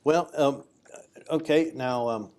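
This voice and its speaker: A man's voice: mid-range voice, slow, darkish tone. An American man conducting an informal oral history interview in a folksy, chatty way.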